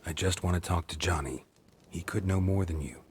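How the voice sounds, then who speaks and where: Man acting a very deep, gruff monster hunter. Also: a little fast, a little hiss or hum, lightly acted. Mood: calm, reassuring. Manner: terse, restrained, even. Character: stoic monster hunter, gruff grown man, gentle with children. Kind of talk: video game voice acting.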